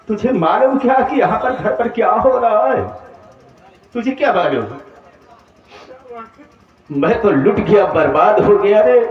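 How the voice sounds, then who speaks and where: A man playing a scolding old villain father. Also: sits high. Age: older. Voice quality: slow scolding declamation. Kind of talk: live folk stage theatre. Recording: distant echoey dull stage recording.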